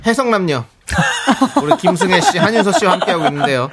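A male radio host whose voice sits a little high and swings widely as he jokes and acts out lines. He chats casually in a studio, laughing often. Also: big pitch swings, fairly quick, a loud crowd.

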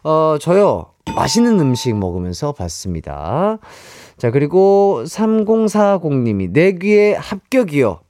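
A man's voice: a little high, sing-song, a little slow, darkish tone, soft background music. A man hosting a radio show, playfully reading out listener entries and acting some of them out. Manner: playful, reads out jokes and mimics them.

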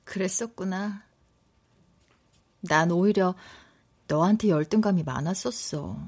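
A woman's voice: fairly low pitch, measured pace, a little mellow. An actress in her thirties playing a proud but apologetic pregnant wife in a radio drama, talking emotionally. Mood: remorseful. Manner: emotional, wheedling then teasing.

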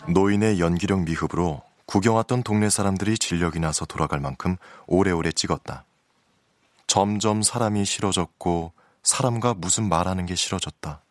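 A man's voice: sits low, moderate pace, lightly acted. A man delivering scripted literary narration as the narrator of a radio drama.

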